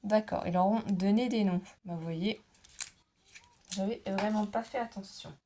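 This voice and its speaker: A middle-aged scrapbooking vlogger with a mellow, mid-range voice talks a little slowly about her craft haul. Her casual chat is hesitant and packed with fillers.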